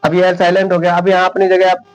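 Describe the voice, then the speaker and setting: A man teaching English spelling rules at a whiteboard, repeating each example word slowly and often checking whether his viewers understand. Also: high-pitched, completely flat delivery, clean tone, rough recording. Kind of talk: whiteboard classroom lesson.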